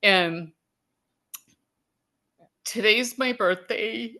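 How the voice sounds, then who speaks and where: A woman giving an emotional testimonial on a video call, halting and full of fillers, near tears. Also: mid-range voice, sharp tone.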